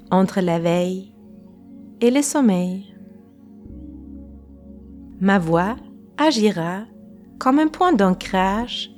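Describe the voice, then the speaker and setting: In an unhurried, calm way, a woman leads a guided relaxation meditation, letting pauses fall between short phrases. She is a meditation teacher with a mid-range voice, accompanied by faint music.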